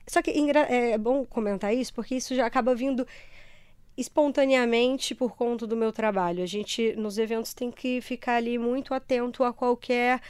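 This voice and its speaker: A woman's voice: fairly high pitch, fairly even intonation, normal speed, darkish tone, clear, resonant tone, no echo. A Brazilian woman with a carioca accent from Rio, answering conversationally as an interview guest in a reflective, explanatory way. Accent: Brazilian, Rio de Janeiro (carioca). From Ceará, Brazil.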